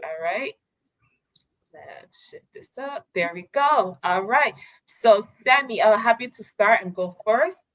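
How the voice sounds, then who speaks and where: A woman's voice: a little high, expressive, slow, no echo. Chatty lady host, dry muffled sound, live show. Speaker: talk show host and coach. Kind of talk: live broadcast hosting.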